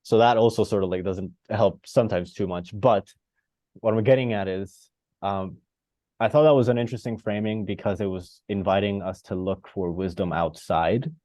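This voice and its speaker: On a video call, a man from Costa Rica takes part in a reflective online discussion, his mellow, fairly low voice keeping fairly even intonation at normal speed with no room sound. He thinks aloud and wanders, searching for words with many fillers and restarts.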